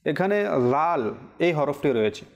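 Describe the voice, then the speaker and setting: A man teaching correct pronunciation on a televised religious lesson, explaining slowly and chanting Arabic examples. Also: fairly high pitch, very animated. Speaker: Quran recitation teacher.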